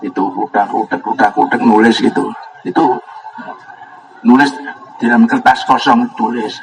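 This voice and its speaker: A man's voice: medium pitch, fairly even intonation, normal speed, creaky, slight background noise, low-quality recording. A man with a Javanese accent giving a pesantren sermon as a kyai, rambling and chuckling, breaking into Arabic recitation. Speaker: kyai giving a religious lesson. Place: gathering at an Islamic boarding school.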